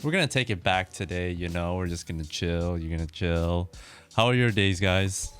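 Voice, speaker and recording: A young man hosting a casual podcast, mellow and easygoing, with lots of "you know" fillers. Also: low-pitched, normal speed, clean tone. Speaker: podcast host. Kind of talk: casual chat.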